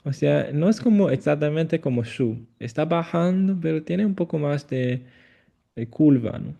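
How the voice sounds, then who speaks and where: Slow, gravelly-voiced male Chinese tutor. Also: a little high, expressive, dull audio. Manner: slow, repeats phrases, gentle corrections. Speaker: Chinese teacher. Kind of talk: patient one-on-one language lesson.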